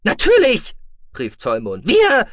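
A man voicing a shrill, indignant male alien officer in an audiobook, high and protesting. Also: wildly swooping pitch, moderate pace, bright, forceful tone, no room sound, studio quality.

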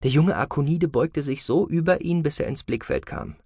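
A man reading a science fiction audiobook as narrator, expressive and voicing every character. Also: a little high, normal speed, vocal fry, husky, no echo, studio quality. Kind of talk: scripted narration.

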